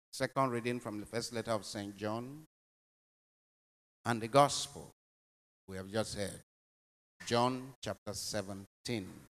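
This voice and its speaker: A man serving as a priest reads scripture and leads his congregation through questions. He speaks very slowly, letting each phrase swell and then fall away. His voice rings out in a long cathedral echo. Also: medium pitch, fairly bright tone. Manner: slow, deliberate, solemn delivery with phrases that swell and fade. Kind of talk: gospel reading and homily.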